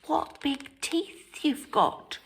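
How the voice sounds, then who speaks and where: A woman's voice: sits high, very animated, very slow, a little hiss or hum, voice pushed up, full character voice. A woman voicing an innocent, cheerful little girl from a storybook in an exclaiming, sing-song way. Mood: puzzled, wary. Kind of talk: storybook character voice.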